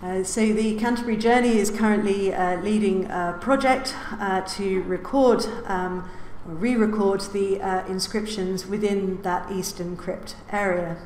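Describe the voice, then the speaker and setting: A woman's voice: medium pitch, steady tone, unhurried, hardly any pauses, a little mellow. A woman giving a public lecture from a lectern, with many "uh"s and the odd wry aside. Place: lecture hall. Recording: roomy lecture hall reverb, faint hiss.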